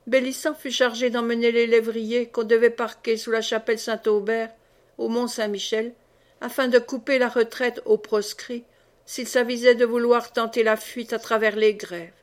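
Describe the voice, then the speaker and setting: This is scripted audiobook narration of a classic novel, read by a woman whose voice is a little high. She delivers it in a measured, expressive way.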